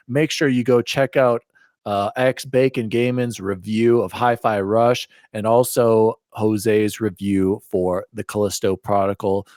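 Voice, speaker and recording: Male podcast host, upbeat and laughing, middle pitch, dry sound. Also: no echo. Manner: excitable, laughs through shout-outs. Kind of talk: casual gaming podcast chat.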